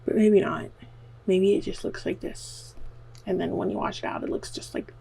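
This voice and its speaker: A Southern-accented beauty vlogger dyes her hair at home and chats to her camera, rambling, nervous, and making fun of herself, with frequent "like." She speaks at normal speed in a steady, medium-pitched voice that is creaky, dark, and slightly rough. The recording is rough.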